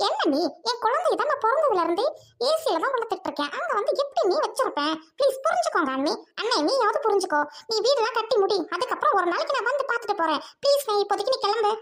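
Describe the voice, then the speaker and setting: A woman's voice: extremely high pitch, very animated, fast talker, a bit bright, voice pushed up, heavily acted. A woman doing a snobbish rich young sister. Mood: scornful. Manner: scornful, mocking, whiny. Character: haughty rich young woman snubbing her poor brother. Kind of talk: family drama skit.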